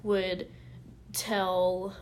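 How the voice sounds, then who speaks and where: A woman's voice: lowish voice, little pitch movement, drawn-out words, a little hiss or hum. A young woman co-hosting a podcast, chatting casually and giggly, often repeating "okay". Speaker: podcast co-host. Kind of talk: casual film chat.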